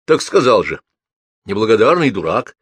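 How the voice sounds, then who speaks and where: A man's voice: fairly low pitch, normal speed, breathy edge, no echo, exaggerated voice. A man voicing a playful, self-mocking middle-aged writer who jokes eagerly, in a dry close recording. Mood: earnest. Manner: joking, lively.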